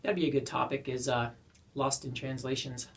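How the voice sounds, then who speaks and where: Recorded from a distance in a small wooden shed with poor acoustics, a Canadian man puffs his pipe and rambles to viewers. His medium-pitched voice is level, a bit bright and at an ordinary pace.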